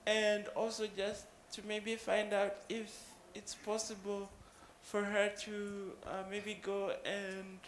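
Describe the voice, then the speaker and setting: A man from Zambia asking a panel a slow, hesitant question. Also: high voice, roomy sound, slight background noise. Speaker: audience participant.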